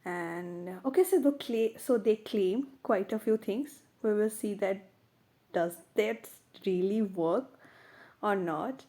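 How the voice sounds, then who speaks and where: A woman's voice: mid-range voice, slow pace, mellow. A woman with an Indian accent narrating a casual product review, her voice affected by a cold.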